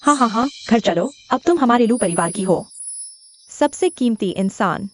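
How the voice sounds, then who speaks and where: A woman's voice: fairly high pitch, expressive, normal speed. A woman voicing a doting wealthy grandmother in a dubbed drama, eager and fussy.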